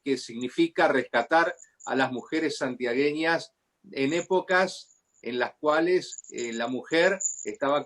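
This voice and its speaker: A man's voice: on the high side, fairly bright tone. A man with an Argentine accent hosting a video-call talk, formal and thankful, with fillers. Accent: Argentine Spanish. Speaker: host.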